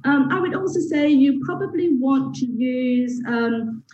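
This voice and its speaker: A woman's voice: sits high, unhurried, a little mellow, slight background noise. A woman accountant on a panel, explaining her points in order over a video call. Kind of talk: panel discussion. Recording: dull roomy video call audio from far.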